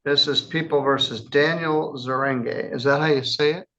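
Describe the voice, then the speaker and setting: A man presiding as a judge in a courtroom, reading charges in a measured, formal way with casual asides. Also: fairly high pitch, steady tone, a bit bright, highs cut off. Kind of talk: courtroom proceedings.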